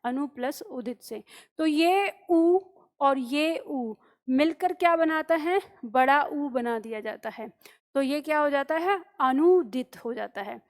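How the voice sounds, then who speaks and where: A woman teacher explaining word spellings to students, breaking words into parts and often checking with "okay?". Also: sits high. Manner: explains slowly, spells words syllable by syllable, keeps asking "okay?". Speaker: Hindi teacher.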